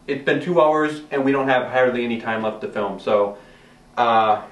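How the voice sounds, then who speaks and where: A man playing a frantic, exasperated rookie film director in a comedy sketch. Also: medium pitch. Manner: frantic, exasperated, talks fast. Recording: echoey room from far off, faint noise.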